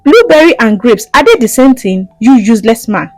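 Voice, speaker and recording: A woman voicing a fierce, hot-tempered young wife who scolds loudly and mockingly. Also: a little high, animated, brisk, no echo, soft background music. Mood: furious scolding.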